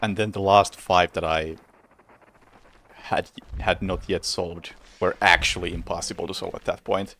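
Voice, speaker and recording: A man's voice: low voice, fairly even intonation, unhurried, fairly bright tone. A man streaming a game, chatting casually in a rambling way with frequent chuckles and self-corrections, a bit sleepy. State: sleepy, yawning. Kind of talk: casual gameplay commentary.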